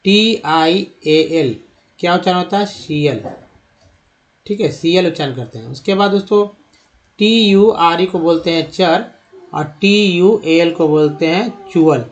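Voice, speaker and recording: High-voiced man teaching English pronunciation. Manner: slow, spells out letters and asks questions. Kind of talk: Hindi-language pronunciation lesson.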